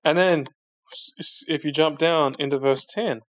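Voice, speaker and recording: A man's voice: on the high side, normal speed. A man preaching a sermon, reading scripture aloud and then explaining it in plain conversational terms, stopping now and then to find the next verse. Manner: frequent restarts while searching for verses. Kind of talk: sermon Bible teaching.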